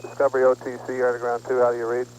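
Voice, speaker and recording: A man runs a launch intercom loop with brisk, businesslike calls. His tone is flat and clipped, with a faint hum on the line. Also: mid-range voice, low-quality recording. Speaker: launch test conductor. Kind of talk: procedural radio loop calls. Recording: humming intercom radio loop.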